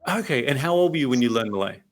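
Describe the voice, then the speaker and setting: A man's voice: medium pitch, expressive, racing, crowd noise. An Australian man presenting a leadership workshop over a video call, chatty and anecdotal, often laughing. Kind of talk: interactive online workshop talk.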